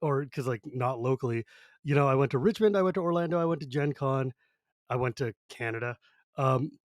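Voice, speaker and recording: A man's voice: mid-range voice, dry recording, studio quality. A man hosting a podcast in a chatty, wry, casual style, often restarting his thoughts. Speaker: podcast host. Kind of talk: casual chat.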